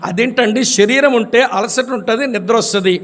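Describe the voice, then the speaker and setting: A man plays a polite archangel who answers every question with gentle deference. The voice sits high for a man. It is a figure in a preacher's spoken story. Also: moderate pace. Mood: polite, mild. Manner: courteous, deferential replies. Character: archangel Gabriel, male, polite and mild.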